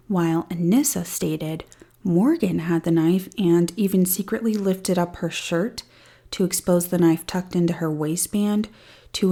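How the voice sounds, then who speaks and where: A woman's voice: lowish voice, dark tone. A woman hosting a true crime podcast, retelling a case with dry, sarcastic asides. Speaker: podcast host. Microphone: studio-style podcast mic.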